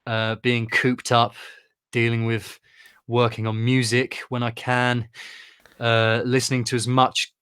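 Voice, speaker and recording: A man's voice: mid-range voice, completely flat delivery, slow, a bit bright, clean tone, dry recording. A man from England co-hosting a podcast in casual chat, chatty and self-deprecating, laughing often. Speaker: podcast co-host.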